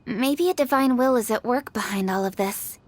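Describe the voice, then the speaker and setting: An actress playing an earnest young female scholar who explains old traditions in a measured, thoughtful way. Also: on the high side, a little mellow, a little hiss or hum, natural voice. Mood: explaining.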